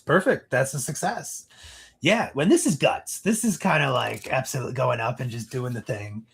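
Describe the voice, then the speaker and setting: A man's voice: medium pitch, normal speed, creaky, a bit bright, husky. A man narrating as game master in a casual, rambling way with many fillers.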